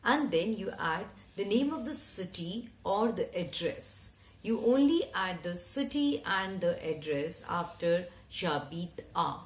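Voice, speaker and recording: A woman teaching a French lesson, who spells out each phrase slowly and repeats it. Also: fairly low pitch, lively intonation. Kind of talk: slow, deliberate language lesson. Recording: echoey room.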